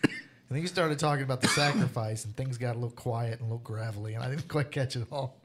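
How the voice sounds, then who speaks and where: A man's voice: mid-range voice, fast, a little hiss or hum. A man playing in a tabletop game, chatty, asking questions and laughing. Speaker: player. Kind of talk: casual tabletop game chat.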